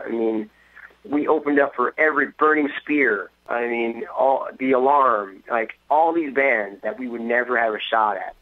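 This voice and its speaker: A man's voice: medium pitch, no echo. A middle-aged man, a band member guest, rambling through a phone interview with lots of fillers. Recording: tinny phone line.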